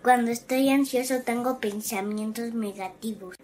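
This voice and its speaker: Casting: woman as earnest young cartoon boy, slightly high voice, simple scripted delivery for a kids' explainer. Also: moderate pace, darkish tone, lightly acted. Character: earnest anxious little boy sharing his feelings. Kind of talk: scripted animated explainer dialogue.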